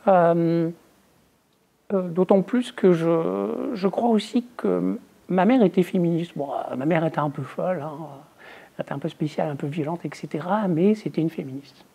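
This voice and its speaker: Husky middle-aged woman researcher being interviewed, mellow low tone, thoughtful and measured, voice drops off at the ends of thoughts. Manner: thoughtful, measured, trailing off quietly at phrase ends. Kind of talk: reflective interview answers. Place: indoors, filmed for a museum exhibition.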